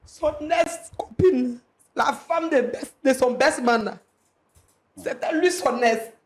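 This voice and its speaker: High-pitched, accusatory woman in a roomy studio. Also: slow. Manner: accusatory, repeating her charges insistently. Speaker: talk show guest. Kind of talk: heated confrontation on a talk show.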